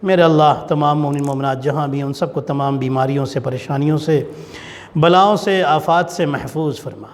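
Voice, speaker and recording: A man leading a mourning gathering, preaching with passion and rising into a wailing chant. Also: fairly high pitch. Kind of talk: Urdu majlis sermon with mourning recitation. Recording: long hall reverb.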